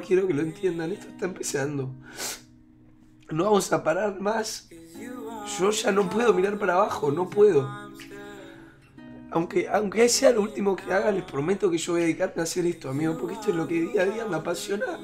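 Emotional high-voiced Argentine streamer. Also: male voice, fairly quick, over music. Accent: Rioplatense Argentine. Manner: emotional, repetitive, keeps saying "amigo" and "boludo". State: holding back tears. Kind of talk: heartfelt talk to viewers.

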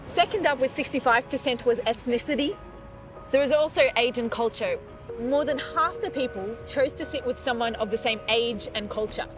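With a slightly high voice at a moderate pace, a woman presents a science documentary, questioning volunteers in an upbeat, friendly manner with clear explanations. The setting shifts between a beachside outdoor spot and a parked bus. The recording is rough, with music in the background.

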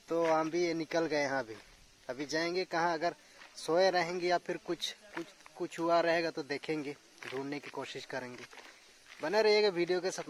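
A young man narrating a casual vlog to his viewers while walking through a dark forest at night, chatting slowly and laughing now and then. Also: on the high side. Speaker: vlogger. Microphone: handheld phone camera.

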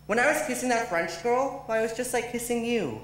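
A student playing an earnest, lovesick young groom, pleading on stage in a school musical. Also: female voice, a little high, a little fast, close to an everyday voice. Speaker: Robert Martin. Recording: echoey auditorium from far off.

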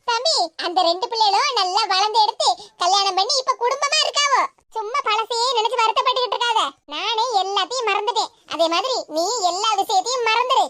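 A woman voicing a proud, warm-hearted middle-aged village aunt in an animated cartoon, speaking a southern Tamil Tirunelveli-Kanyakumari dialect in an affectionate, comforting and dramatic way. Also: extremely high pitch, a little fast, no room sound.

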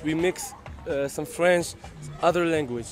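An eighteen-year-old man talks haltingly, stopping often on fillers. His voice is a little high for a man, with faint music behind him outdoors. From Morocco. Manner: hesitant, many fillers. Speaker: basketball player. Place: outdoor lot by a bus.

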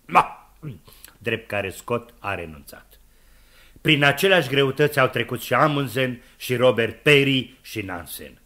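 A man telling a comic radio monologue in a theatrical way, acting out shouts, wind and wolf howls. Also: medium pitch, expressive. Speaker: comic narrator.

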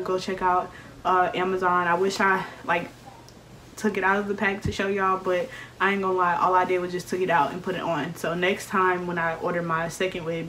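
Casting: young American woman, beauty vlogger, lowish voice, playful sassy slang, home room with noticeable noise. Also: a bit bright, poor audio. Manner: playful sassy slang, repeats catchphrases for emphasis. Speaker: beauty vlogger reviewing wigs. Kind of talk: casual chatty vlog. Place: small decorated room at home, indoors.

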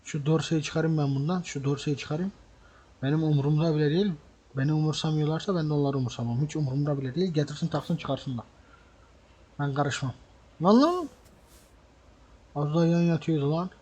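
A man's voice: fairly high pitch, fairly even intonation, fast, warm tone, husky. A man hosting a truck-game role-play, ranting angrily, swearing and repeating himself out of frustration. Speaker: gaming channel host. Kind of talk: role-play gameplay commentary.

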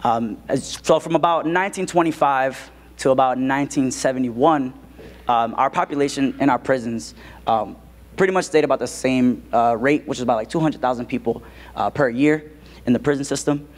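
A man explains a topic to a hall of students. His delivery is steady and plain, with frequent fillers between points. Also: medium pitch, normal speed. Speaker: co-presenter. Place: school auditorium.

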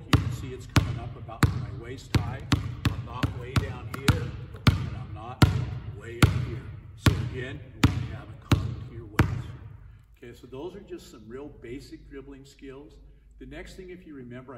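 Heavy background noise surrounds the mid-range voice of an older man leading basketball drills in a big indoor gym. Captured from a distance by a camera mic, the echoey demonstration features plain, repeated coaching, often raised mid-dribble, with a basketball bouncing throughout.

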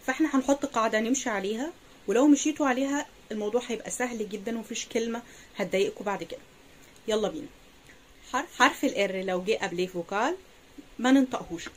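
A young woman with an Egyptian Arabic accent gives a German pronunciation lesson, saying each word twice in a patient, careful way. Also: on the high side. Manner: slow, patient, careful repetition. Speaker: German teacher.

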